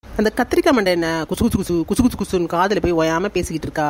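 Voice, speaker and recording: A woman's voice: lowish voice, quick pace, close to an everyday voice. A woman voicing a lazy, cheeky young cartoon daughter-in-law who talks back and mutters asides in Tirunelveli Tamil.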